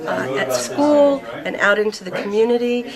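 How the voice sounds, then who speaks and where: Woman teacher amid loud classroom chatter. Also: on the high side. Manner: steady, measured, a few fillers. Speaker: teacher of deaf students. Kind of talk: explaining a program to camera. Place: busy school classroom. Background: loud chatter of students.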